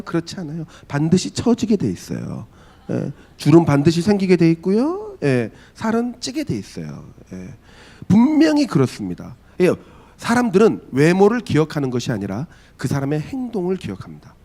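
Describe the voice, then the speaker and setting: A man in his forties, a pastor preaching a sermon, telling a story and acting out the people in it with big jumps in his voice. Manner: animated, acts out quotes with big pitch jumps. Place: church.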